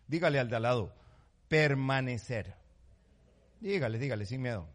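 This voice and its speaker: A man's voice: mid-range voice, sing-song, very fast. Impassioned preacher, man. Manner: impassioned preaching, sudden loud rises and hushed drops; addresses listeners as "mi hermano". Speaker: pastor. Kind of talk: sermon.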